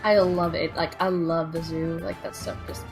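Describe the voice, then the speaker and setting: A chatty woman with a somewhat low voice hosts a relaxed trivia stream. She rambles and laughs often as she talks. Soft music plays faintly behind her. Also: normal speed. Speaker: streamer hosting trivia night. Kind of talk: casual chat.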